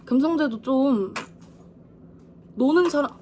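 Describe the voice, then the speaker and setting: A woman's voice: sits high, slow pace, dark tone, slight background noise. A young woman in her twenties telling a story in a casual vlog. She talks animatedly and acts out the people she quotes. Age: 20s. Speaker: vlogger.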